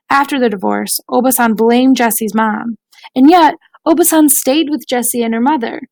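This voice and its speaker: A woman narrating an audiobook in a measured, even storytelling manner. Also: fairly high pitch, no echo, low-quality recording.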